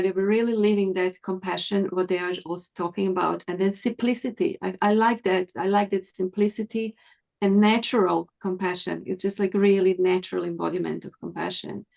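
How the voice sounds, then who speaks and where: A woman's voice: mid-range voice, gravelly, a little mellow. A woman hosting an online session, earnestly thanking her guests with restarts and fillers over a video call. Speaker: host. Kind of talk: reflective speech to an online group.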